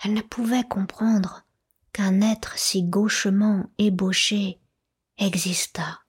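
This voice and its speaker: Breathy woman narrating a classic novel. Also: mid-range voice, steady tone. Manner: soft, measured, often slipping into a whisper. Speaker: audiobook narrator. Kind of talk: literary audiobook narration.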